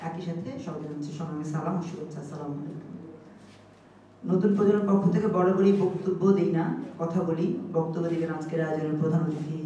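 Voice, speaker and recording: A man's voice: fairly high pitch, dark tone. A man giving an emphatic, rhetorical formal speech as a youth representative at a memorial event. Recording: echoey hall, distant dull mic, faint noise.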